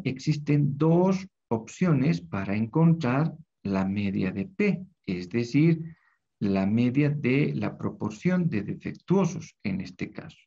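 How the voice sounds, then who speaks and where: Gravelly, husky male lecturer. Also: a little high, dark tone. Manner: explanatory, frequent tag questions. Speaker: teacher. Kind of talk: recorded lecture over screen. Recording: dull lo-fi recording.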